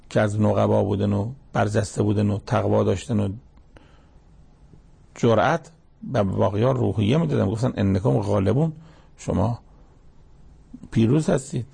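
A man preaching a sermon, reciting verses slowly and explaining them in everyday speech with anecdotes. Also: mid-range voice, warm tone. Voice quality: gravelly, husky voice. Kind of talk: Quranic commentary sermon.

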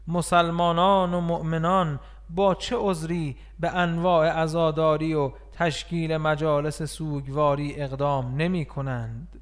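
Male reader, solemn devotional recitation, higher-pitched, clean resonant tone. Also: clean tone. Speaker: religious text reader. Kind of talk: solemn scripted reading.

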